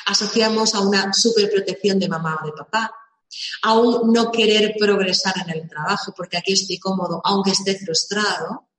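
A woman's voice: mid-range voice, moderate pace, fairly bright tone. A woman giving a motivational live talk, asking rhetorical questions and repeating words for emphasis. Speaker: live session speaker on visibility. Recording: roomy echo.

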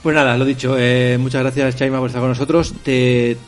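A man's voice: mid-range voice, level tone, brisk, faint music behind. A man hosting a podcast in casual chat, stopping often with fillers. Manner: hesitant, many fillers. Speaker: podcast host.

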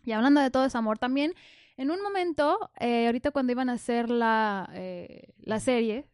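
Woman host, high voice, dry close sound, lively questioner. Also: moderate pace, smooth, dry recording. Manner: lively, steers the talk with questions. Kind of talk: casual podcast chat.

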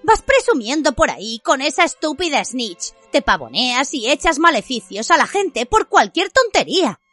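A woman voicing a fiery, defiant young witch who answers with sharp, indignant retorts. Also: high-pitched, big pitch swings, moderate pace, soft background music, pitched above the performer's own voice.

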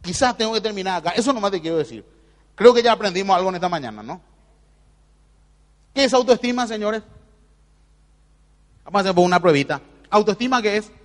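High-voiced Rioplatense man preaching with reverb. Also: expressive, a little fast, long pauses. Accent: Rioplatense Spanish. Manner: emphatic, addresses listener directly and familiarly. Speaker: motivational speaker on radio. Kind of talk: spiritual motivational talk.

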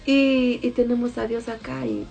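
A woman's voice: a little high, very animated, moderate pace, creaky, a little mellow, faint music behind. Emphatic woman sharing her faith. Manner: emphatic, repeats key phrases. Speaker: mother. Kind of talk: casual devotional talk.

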